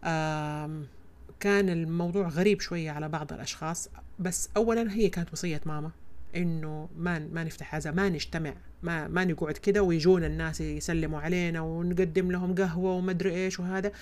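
A woman hosting a podcast, telling a personal story in an expressive, emphatic way. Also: lowish voice, fast talker. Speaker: podcast host. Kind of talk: personal reflective podcast talk.

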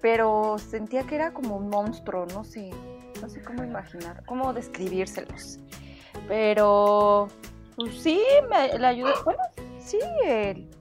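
A young woman with a Mexican Spanish accent in a teasing casual chat, at times dropping to a soft murmur. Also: mid-range voice, expressive, measured pace. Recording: clear background music.

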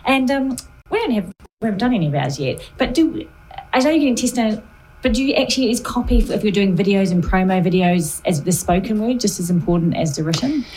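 A woman's voice: mid-range voice, lively intonation, fast, a little mellow, husky, rough recording. A woman with a broad New Zealand accent hosting a radio talk show in a chatty, informal way. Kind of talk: casual interview chat.

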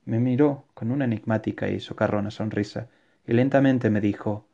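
A man narrating a novel in a quiet, measured way. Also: lowish voice, fairly even intonation, creaky. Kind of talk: audiobook narration. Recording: dull lo-fi recording.

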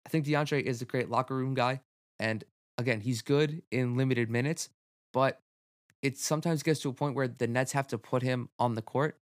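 A man's voice: mid-range voice, no echo, studio quality. A young man hosting a solo sports podcast, talking loosely with lots of fillers and casual swearing. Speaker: podcast host.

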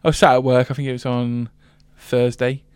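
A man's voice: mid-range voice, fairly quick, smooth, no room sound. Chatty young man. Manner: animated storytelling, laughing. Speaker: co-host. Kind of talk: casual chat.

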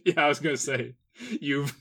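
Laid back guy cohosting, bright sharp-ish voice, laughs a lot, says uh a bunch. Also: a little high, fairly even intonation, unhurried. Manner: laid-back, laughs often, hesitant fillers. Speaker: podcast co-host. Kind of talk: casual comedic chat.

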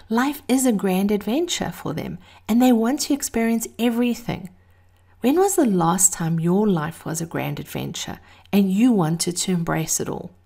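A woman speaking intimately in a breathy voice, at times near a whisper, as host of a motivational monologue. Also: mid-range voice, darkish tone. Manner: intimate, addressing listeners as darling. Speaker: host of a daily encouragement series.

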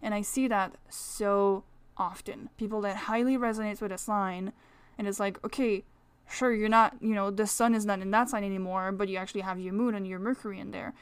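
A woman's voice: mid-range voice, fairly even intonation, brisk, hardly any pauses, clean tone, no room sound. Chatty woman with a French accent. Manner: chatty, rambling, many fillers and laughs. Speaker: astrology podcast host. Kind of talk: casual solo podcast talk.

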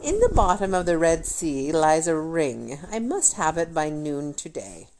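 A woman's voice: low voice, very animated, a little mellow, slight background noise, exaggerated voice. Woman doing a smirking, cackling old witch queen for a storybook. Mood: taunting. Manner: cackling, smirking, drawn-out taunts.

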